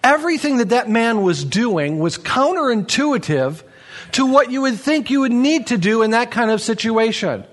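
A pastor preaching a sermon, telling stories with big rises in pitch and dropping low and quiet to stress a point. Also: male voice, normal speed. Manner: animated storytelling with big pitch swings; drops to low, quiet emphasis.

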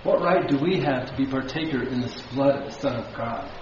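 In a church sanctuary, a pastor preaches fairly quickly in a mid-range voice, questioning his congregation and building emphasis. He's recorded from far off in a very echoey hall, the sound dull and with background noise.

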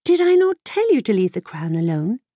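Woman voicing a brisk wise talking mare. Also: mid-range voice, very animated, mellow, dry recording, studio quality. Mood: urging.

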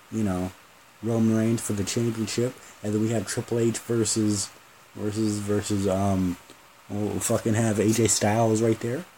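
A man's voice: lowish voice, warm tone, slight background noise, poor audio. A man hosting a solo podcast, rambling and joking with lots of swearing. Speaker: podcast host. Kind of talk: casual solo podcast rant.

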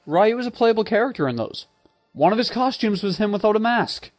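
A man with a fairly high voice and a lively, swinging delivery co-hosts a gaming show. He jokes and rants casually, swearing often. Faint music sits behind his talk. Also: brisk. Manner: animated, sweary ranting and joking. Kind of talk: casual video game banter.

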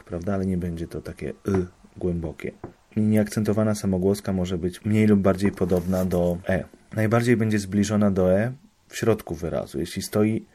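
A man giving a measured academic explanation of vowel sounds, pausing now and then to check that listeners follow. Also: deep voice, dark tone. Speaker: student presenting a lecture topic.

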